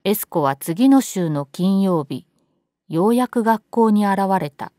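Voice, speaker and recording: A woman's voice: mid-range voice, expressive, takes it slowly, warm tone, no echo, studio quality. A woman reading a scary story aloud as scripted narration.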